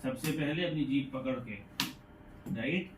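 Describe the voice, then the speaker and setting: A man teaching English pronunciation to a class, patiently repeating sounds slowly to demonstrate them. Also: medium pitch. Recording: echoey room, mic far off, faint noise.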